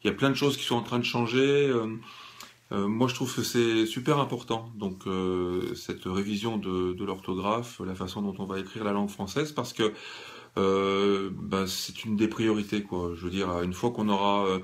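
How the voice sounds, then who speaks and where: A man vlogging a casual satirical monologue, ironic and halting, with many fillers. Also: fairly low pitch, steady tone.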